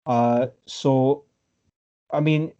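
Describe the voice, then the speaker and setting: A man from Austria hosts a casual political discussion over a video call. His voice is mellow and dark, and the audio is dull and lo-fi. He hesitates often, fills gaps and restarts his sentences. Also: mid-range voice, steady tone, extremely slow, smooth. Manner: hesitant, many fillers and restarts. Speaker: podcast host.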